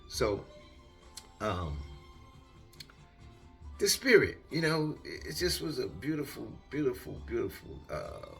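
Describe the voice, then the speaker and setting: A man's voice: medium pitch, takes it slowly, gravelly, pauses often, faint music behind. An older retired man telling a long casual story in a rambling way, acting out what people said. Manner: rambling, animated, acts out quotes.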